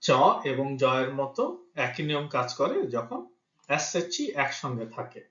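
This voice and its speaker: A man's voice: mid-range voice, sing-song, measured pace, a bit bright, reverberant, dull audio. A man teaching a language lesson, patiently spelling out letters and example words one at a time. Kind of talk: teaching Italian pronunciation in Bengali.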